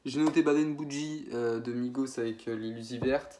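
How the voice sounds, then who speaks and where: A man's voice: mid-range voice, steady tone, moderate pace, warm tone, slight background noise. A young man from France, casually ranking his favorite rap producers, rambling with many fillers and self-corrections. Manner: slangy, informal French. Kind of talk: casual spoken ranking video.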